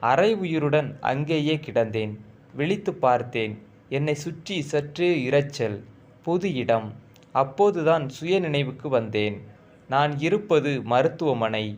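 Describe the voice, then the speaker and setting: A man's voice: on the high side, animated, measured pace. A man narrating a first-person story in a solemn, emotional reading.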